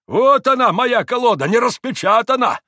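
A man's voice: very high-pitched, animated, normal speed, pushed and bright, no room sound, clean studio sound, pitched above the performer's own voice, heavily acted. A man reading an audiobook, voicing a shrewd old innkeeper who scolds bluntly. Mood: scornful accusing.

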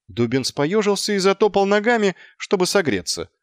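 Lively male audiobook narrator. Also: sits high, normal speed, clear, resonant tone, dry recording, studio quality.

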